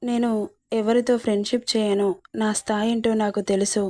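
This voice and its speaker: A woman's voice: fairly high pitch, flat delivery, a little fast, dark tone, close to an everyday voice. A woman voicing a shy hurt young bride. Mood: hurt pleading.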